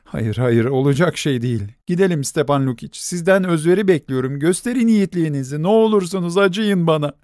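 A woman's voice: low-pitched, lively intonation, fairly quick, darkish tone, no echo, studio quality, voice pushed up. A man voicing a frantic, pleading young wife. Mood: insistent. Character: desperate young wife begging a doctor.

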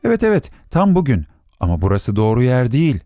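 A man voicing a gentle, earnest little boy prince in a storybook reading. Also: medium pitch, wildly swooping pitch, fairly quick, no echo, clean studio sound, soft background music. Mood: soothing.

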